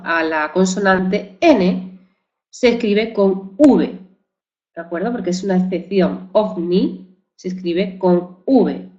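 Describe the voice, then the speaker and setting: Slow, patient woman teacher. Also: medium pitch, a little mellow. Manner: slow, patient, repeats and spells out words. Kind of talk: spelling lesson for exam prep. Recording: dull lo-fi recording.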